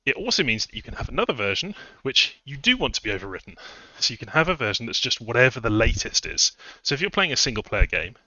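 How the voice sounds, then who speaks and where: Breathy, slightly winded man streaming. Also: mid-range voice, sing-song, quick pace, few pauses, pushed and bright, dry recording, lo-fi sound. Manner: rambling, conversational, many fillers and restarts. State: a bit out of breath. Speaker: streamer and game modder. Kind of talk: casual live-stream explainer.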